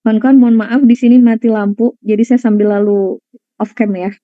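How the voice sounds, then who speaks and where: A woman's voice: fairly high pitch, flat delivery, fairly quick, no room sound. A woman counselor giving an online parenting lecture over a video call, speaking conversationally to her listeners and slipping in English words. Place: indoors at home during a power cut. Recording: dull, lo-fi video-call audio.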